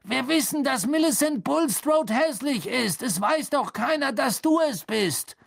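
A reader voicing a determined teenage boy who talks in a hurried, urgent way in an audiobook. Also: sits high, expressive, gravelly, dry recording, studio quality, pitched above the performer's own voice, full character voice. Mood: coaxing. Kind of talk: audiobook reading.

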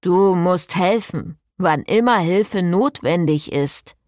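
A woman voicing a slow, solemn male mummy who speaks in measured, emphatic phrases. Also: on the low side, expressive, a little mellow, dry recording, studio quality.

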